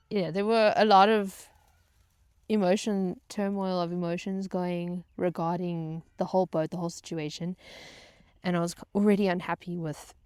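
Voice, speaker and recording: In a clean studio recording with no room sound, a woman's lowish voice comes across smooth and a little mellow. A former yacht crew member who now vlogs stories, she tells viewers a lighthearted personal anecdote with self-mocking drama, repeating phrases for emphasis.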